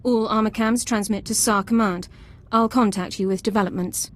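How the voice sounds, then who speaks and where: Playing a stern, formal sergeant who delivers crisp, exact military reports in a game cutscene, this actress has a mid-range voice with a steady tone and normal speed. She sounds close to everyday speech, with an Imperial-sounding accent, and music plays beneath the game audio.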